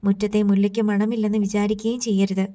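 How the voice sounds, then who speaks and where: Storybook figure: a lecturing big sister, read by a woman narrator, flat and warm. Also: medium pitch, quick pace, lightly acted. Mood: preachy. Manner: moralizing, full of proverbs. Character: older sister, lecturing and preachy.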